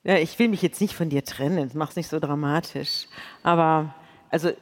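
A woman, co-hosting a live podcast with quick, teasing banter. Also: low voice. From Munich, Germany. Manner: chatty, quick-witted, teasing. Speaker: podcast co-host. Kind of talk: live podcast stage chat. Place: large concert hall before an audience. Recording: hall reverb from a live stage.

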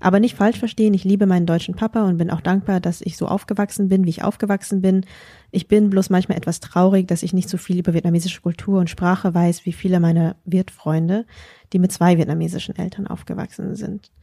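A woman's voice: lowish voice, fairly even intonation, brisk, vocal fry, mellow, husky, no echo, clean studio sound. A woman hosting a podcast, chatting casually and reading out a listener's message. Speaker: podcast host.

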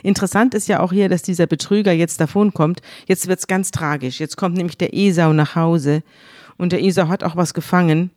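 A woman co-hosting a podcast, bluntly and lively retelling a scripture story in conversation. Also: on the low side, fairly quick, dry recording, studio quality. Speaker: podcast co-host.

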